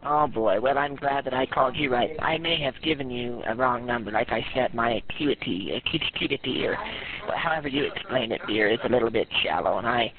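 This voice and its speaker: Over a tinny, noisy phone line with a crowd in the background, a man plays a doting elderly grandmother who rambles and calls people dear in a sugary mood. His voice is mid-range and moves at a moderate pace.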